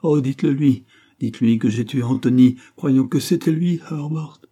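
A man's voice: on the low side, moderate pace, mellow, husky. A man voicing a proud, wild, distraught dying woman in an audiobook, vehement and prone to angry outbursts. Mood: agitated, anguished. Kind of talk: audiobook character reading.

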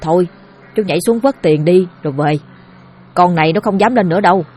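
Woman voicing a bold young boy, high and urgent, bossy, husky tone. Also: brisk, darkish tone. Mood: coaxing. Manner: urgent, commanding.

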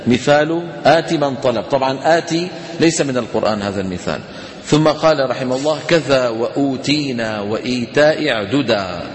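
A man with a Levantine Arabic accent teaching a tajweed lesson, talking casually to students, checking they follow and chanting examples slowly. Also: mid-range voice. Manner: conversational, asks students rhetorical questions. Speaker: Quran recitation teacher. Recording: echoey hall reverb.

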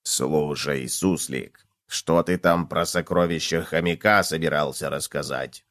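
A man voicing a male cockroach in a children's storybook, talking in a low, hushed, drawn-out way. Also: no room sound, studio quality. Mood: curious. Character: deep slow excitable male cockroach. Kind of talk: storybook reading.

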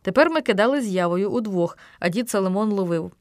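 Woman reading a kids story out loud, lively, acts out the voices, dry close sound. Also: medium pitch, quick pace, no room sound. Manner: lively storytelling, acting out the characters. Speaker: narrator. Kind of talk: reading a children's story aloud.

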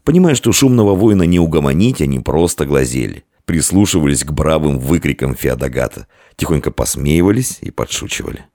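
A man narrating a story in an expressive audiobook reading on a close mic. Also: a bass voice, fairly quick, hardly any pauses, no echo.

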